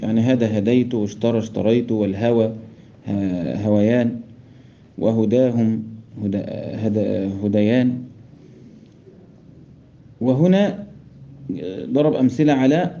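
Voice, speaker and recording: A man with a mid-range, dark-toned voice and an Egyptian Arabic accent speaks at a moderate pace with long pauses. He teaches Quran recitation rules step by step, quizzes his students, and chants verse quotations. The recording is dull and lo-fi.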